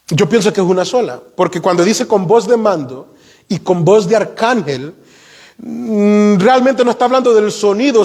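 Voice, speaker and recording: A man's voice: high voice, darkish tone. A man preaching an expository sermon. He is emphatic, rises for key points and puts rhetorical questions to the congregation. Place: church sanctuary. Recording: long hall reverb.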